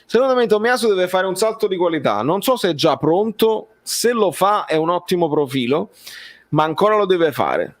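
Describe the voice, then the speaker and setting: Casting: male football streamer, higher-pitched voice, conversational and halting, repeats himself while replying to a live chat. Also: big pitch swings. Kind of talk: casual live-stream chat, reading and answering viewer comments.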